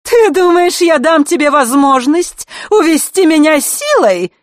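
A woman voicing a villainous female clockmaker who taunts and shouts in a high, strained voice. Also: sing-song, a little slow, no room sound, clean studio sound. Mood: mocking. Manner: taunting, shouting, sing-song.

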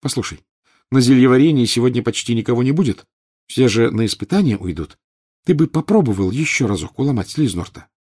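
A man's voice: medium pitch, animated, darkish tone, slightly rough, voice pushed up. Hermione, a man doing a bossy clever schoolgirl. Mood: brisk. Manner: brisk, insistent.

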